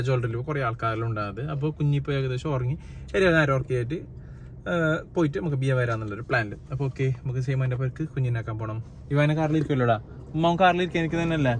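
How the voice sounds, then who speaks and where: A man's voice: medium pitch, slight background noise. A man hosting a casual family vlog, chatty and often breaking off to call to his children. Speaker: family vlogger. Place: at home and in the family car.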